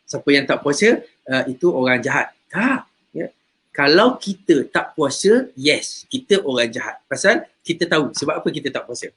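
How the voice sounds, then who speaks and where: A man's voice: fairly high pitch, lively intonation, moderate pace, fairly bright tone, husky. A man, a religious teacher, talking casually about faith and character, telling stories and repeating words as he goes. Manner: chatty storyteller, repeats words.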